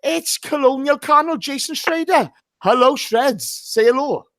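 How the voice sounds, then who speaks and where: A man's voice: very high-pitched, unhurried, a bit bright, no room sound. Hungover man hosting a football chat, dry sound. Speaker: host of a football fan live show. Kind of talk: casual live chat.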